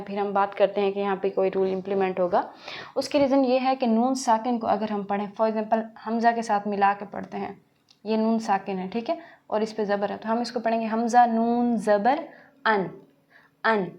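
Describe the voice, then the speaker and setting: A woman's voice: mid-range voice, muffled recording. Patient woman teaching Quran reading. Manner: patient, repeats key points, asks and answers own questions. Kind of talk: recorded tajweed lecture.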